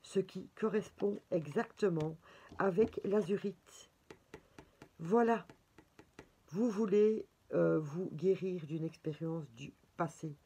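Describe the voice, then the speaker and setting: Belgian lady doing an oracle card reading, low and kinda husky, chatty, corrects herself a lot. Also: slow, dark tone. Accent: Belgian French. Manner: chatty, self-correcting, thinking aloud. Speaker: tarot and oracle card reader. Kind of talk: casual card reading for viewers.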